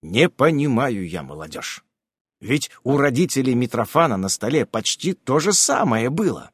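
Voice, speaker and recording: Male narrator, wry and animated, dry close recording. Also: mid-range voice, normal speed, breathy edge, no echo. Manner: wry, conversational. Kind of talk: humorous storytelling.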